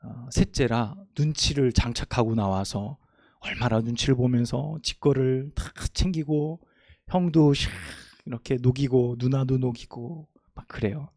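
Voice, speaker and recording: A middle-aged man preaching a sermon as a pastor, moving from loud, emphatic passages to quiet, homely storytelling. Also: mid-range voice, unhurried, no room sound, clean studio sound. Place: church sanctuary.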